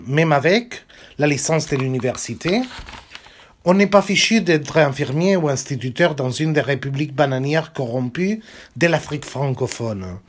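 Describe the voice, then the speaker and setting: A man reading as an insolent boy of about ten who fought as a child soldier speaks bluntly, counting off his points and swearing freely. The voice sits a little high for a man. It sounds like a literary reading rather than a staged performance.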